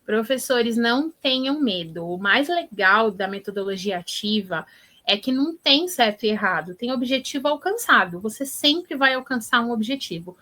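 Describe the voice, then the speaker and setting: Animated woman teacher. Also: fairly high pitch, moderate pace. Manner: animated storytelling, encouraging. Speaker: teacher and education influencer guest. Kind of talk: interview answers.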